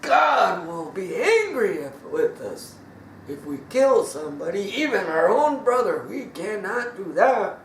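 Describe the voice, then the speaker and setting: An anxious brother protests urgently in a high, lively voice, as a man acts him out. He sounds far off in a roomy, echoey space. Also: unhurried, slight background noise, exaggerated voice. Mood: pleading. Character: one cautious brother, anxious and pleading. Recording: echoey room from afar.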